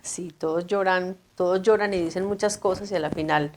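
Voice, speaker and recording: A woman hosting an interview who prompts her guest with measured questions. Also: on the low side, steady tone. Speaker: interview host. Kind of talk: conversational interviewing.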